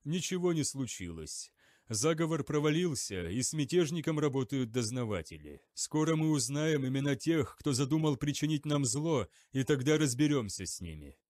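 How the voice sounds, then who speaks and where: A male audiobook reader voicing a calm, cold warrior who speaks in a quiet, measured, low voice. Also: dry recording, clean studio sound, close to an everyday voice.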